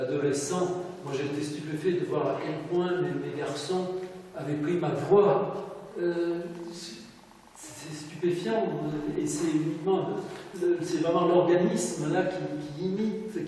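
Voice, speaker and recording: A man giving a public lecture in a hall, speaking in a measured way and pausing to search for words. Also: a little high, warm tone. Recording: echoey hall from far off, faint hiss.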